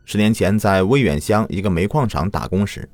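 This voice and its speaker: A man's voice: low-pitched, animated, brisk, a little mellow, no room sound. A man narrating true crime from a script as a host, in a dramatic storytelling manner. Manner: dramatic storyteller with rhetorical questions.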